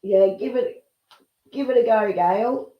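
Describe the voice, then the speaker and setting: A woman's voice: on the high side, takes it slowly, dull audio. A woman co-hosting a livestream over a video call, reading out viewers' messages and adding encouraging advice. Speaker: livestream co-host. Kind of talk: casual livestream chat. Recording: echoey room.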